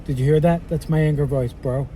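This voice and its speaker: A man's voice: a little high, steady tone, a little fast, dark tone. Man, casual vlog, jokey, noisy car recording. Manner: easygoing, chatty, jokey with his dogs. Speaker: dog rescuer and vlogger. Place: in his car and outdoors. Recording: noisy car and outdoor ambience.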